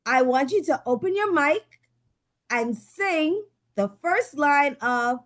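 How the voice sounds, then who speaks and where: A woman's voice: high voice, expressive, slow, fairly bright tone. A woman leading a club meeting on a video call, upbeat and playful as she hands out questions. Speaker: Table Topics master at a club meeting.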